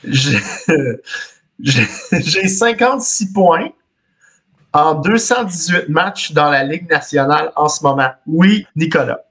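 A man in his thirties with a Quebec French accent hosts a quiz over a webcam call. His voice sits a bit high and sounds husky. He reads the clues in the first person and laughs often. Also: animated, slow, a bit bright. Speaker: quiz host. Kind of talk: casual podcast quiz on a video call. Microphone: video call webcam.

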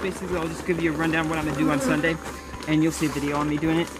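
Out among the bushes and beehives on his homestead, a young man narrates a casual vlog in a rapid-fire, fairly high voice with little pitch movement, over music. His explanation of the hives rambles and corrects itself, and the handheld or close camera mic catches buzzing bees and insects.

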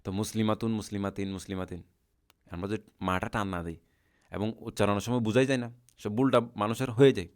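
A man teaching a recorded language lesson, patiently repeating word forms slowly for his students. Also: fairly low pitch, steady tone, smooth. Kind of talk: recorded lesson explaining a chart.

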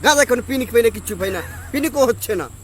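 Very high, sharp-voiced Bangladeshi man, belligerent intoxicated street rambler, faint street noise behind. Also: animated, rapid-fire. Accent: Bangladeshi Bengali. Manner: rambling, belligerent intoxicated rant, repeats himself insistently. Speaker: street interviewee. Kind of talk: street interview rant. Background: outdoor traffic and street ambience.

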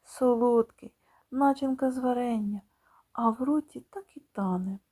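Lady reading a kids story, soft mellow tone, slow and expressive, slips into whispers. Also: a little high. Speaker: audiobook reader. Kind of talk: scripted narration of a story.

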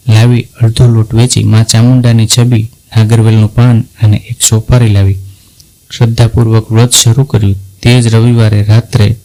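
A man reads a devotional folk story aloud, keeping his delivery level and unhurried. His voice sits in a mellow, darkish register and barely rises or falls, so the story moves along in one steady line. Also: medium pitch, low-quality recording. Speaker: narrator. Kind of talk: scripted devotional story narration.

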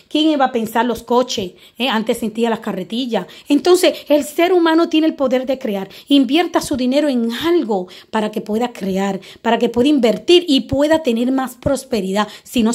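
A woman who works as a spiritual medium, giving spiritual and money advice straight to her viewers and often tagging her points with a questioning "eh?". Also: a little high. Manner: preachy, addresses viewers directly with frequent "eh?"; acts out little dialogues in her talk.

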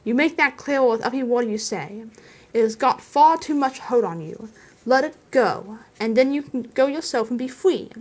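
In a storybook reading, a woman plays a grave old male wizard who is stern and commanding and gives advice in a measured way. Her voice is a little high and animated, and the mood is stern and warning.

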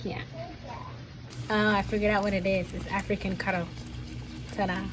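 A young woman chatting casually in a home vlog, relaxed and rambling with fillers, filmed on a phone held at arm's length. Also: medium pitch, moderate pace, noisy background. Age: young adult. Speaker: vlogger. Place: home, kitchen and bedroom indoors.

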